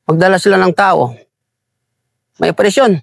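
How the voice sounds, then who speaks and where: A man with a high, gravelly voice tells his story in an earnest, heated way. He keeps addressing his listener as sir, and anger often rises in his words. The sound is dry and close. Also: moderate pace, no echo. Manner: angry and emphatic when recounting abuses. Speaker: interviewee, militia member. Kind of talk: conversational testimony.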